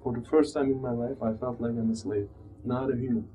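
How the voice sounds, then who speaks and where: In a muffled, dull recording from a small, plain room with background noise, a Turkish-accented man in his thirties tells his immigrant story. He reflects slowly and haltingly, searching for words, in a steady, mid-range voice.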